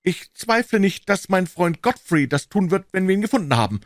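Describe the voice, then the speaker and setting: A man voicing an excitable young gentleman in an audiobook, speaking in a high, agitated voice. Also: brisk, no echo, studio quality. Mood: flustered.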